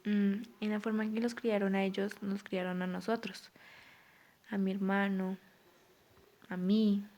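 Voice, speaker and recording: A woman's voice: medium pitch, flat delivery, unhurried, a little mellow. A woman gives a spoken class presentation, with frequent "pues" fillers. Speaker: student presenting an assignment.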